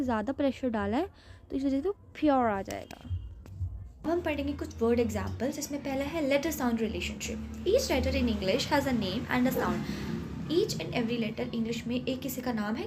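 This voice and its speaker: A young woman with a high voice teaches English sounds to beginners. Her pace is unhurried, and she stretches out each example word before explaining it quickly in Hindi. A faint hiss sits behind her voice. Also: a little mellow. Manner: slow, drawn-out when reading English examples, then quick Hindi explanations. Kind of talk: phonics lesson in Hindi and English.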